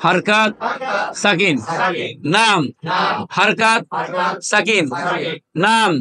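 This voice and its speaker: Crowd noise surrounds a man from Bangladesh as he teaches Quran recitation through call-and-response, asking repeated questions, prompting spoken group replies and drilling terms in chants. His voice is high, his intonation fairly even, and he draws out his words.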